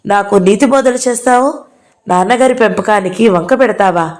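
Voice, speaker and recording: A woman's voice: medium pitch, normal speed, darkish tone, lightly acted. A woman voicing a bitter, furious young woman who talks in a scornful, defiant way in an audio novel.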